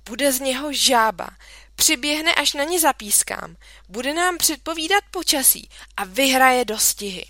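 An eager little boy, voiced by a woman reading aloud, pipes up in a raised, chirpy voice. The tone is bright, and the recording is close and dry with no room sound. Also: fairly high pitch, few pauses, no echo. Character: eager little boy, excited about his tadpole. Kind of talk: storybook reading.

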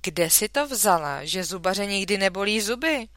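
Woman doing exasperated father, blustering, loud, bright, dry room. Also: on the high side, animated, clean tone, dry recording, voice pushed up. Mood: mocking.

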